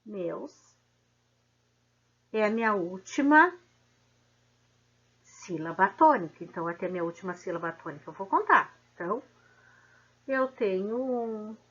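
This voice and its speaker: A woman teaching a literature lesson, spelling out poetic syllables slowly and checking in with the class. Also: medium pitch, animated, fairly bright tone, slightly rough, highs cut off. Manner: slow, drawn-out syllable counting with frequent "tá?".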